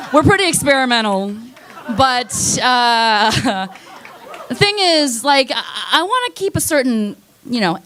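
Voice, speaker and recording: In a comedy club, a young woman does a rambling, self-deprecating stand-up set with casual swearing. She keeps losing her place and laughing at herself, her medium-pitched voice a bit bright.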